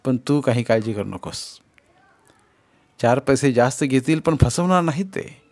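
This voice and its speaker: A man's voice: medium pitch, expressive, measured pace, a little mellow. Guy voicing a confident young son, reassuring his mom, kinda upbeat. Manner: reassuring and eager.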